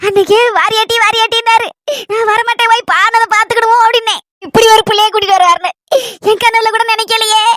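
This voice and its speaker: A woman with a Kanyakumari Tamil accent, voicing a tearful, timid middle-aged village wife who laments slowly in a comedy sketch. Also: very high voice, steady tone, a bit bright, no room sound. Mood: weepy lament. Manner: slow, weepy lament.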